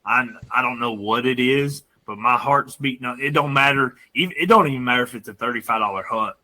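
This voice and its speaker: A man co-hosting a casual podcast, telling a story in an animated way with laughter. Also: medium pitch, brisk, poor audio. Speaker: podcast co-host.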